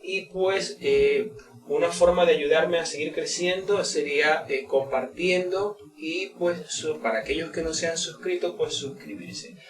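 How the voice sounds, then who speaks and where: A man talks through a casual lesson, stopping often on fillers and saying words again slowly. He sits back from the mic in a roomy, echoing space, with a crowd murmuring behind him. His voice sits a little high for a man. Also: distant mic. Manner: hesitant, many fillers, repeats words slowly. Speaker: English teacher.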